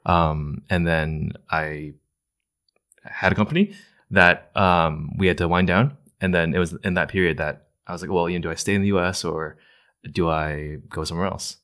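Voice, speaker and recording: A man's voice: deep voice, normal speed, clean tone. A man from Hong Kong talking as a podcast guest, telling stories loosely with many fillers. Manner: relaxed storytelling, many fillers. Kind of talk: casual interview talk.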